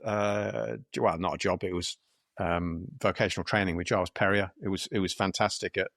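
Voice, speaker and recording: A man's voice: low-pitched, fairly bright tone, dry recording, clean studio sound. A man in his fifties, a dentist co-hosting the podcast, talking in a rambling, hesitant way over a video call. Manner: rambling, hesitant, many fillers and restarts. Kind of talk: casual interview chat.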